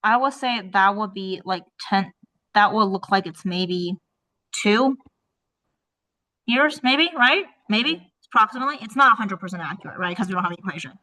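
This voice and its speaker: A woman math teacher talks through a worksheet one step at a time, estimating aloud and often pausing to ask "right?" Her voice is bright and forward, in a middle register for a woman. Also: mid-range voice, expressive, poor audio. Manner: tentative, thinks aloud while estimating.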